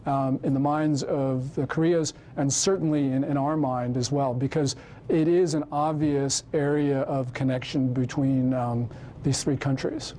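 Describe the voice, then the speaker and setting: A man's voice: mid-range voice, steady tone, unhurried, dark tone, slight background noise. A man giving a public lecture on foreign policy and answering audience questions, speaking with growing passion and emphasis. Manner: impassioned, emphatic.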